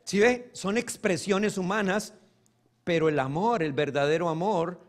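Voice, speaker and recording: A man preaching a sermon as pastor, swinging between loud emphatic stretches and soft, hushed asides. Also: high-pitched, unhurried.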